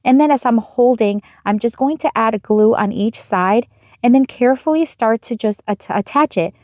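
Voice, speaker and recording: A young woman with a fairly high voice talks viewers through a craft project. She keeps her voice-over chatty and upbeat, explaining each step plainly. The sound is close and dry, with no room around it. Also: moderate pace, a little mellow, no room sound. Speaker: craft channel host.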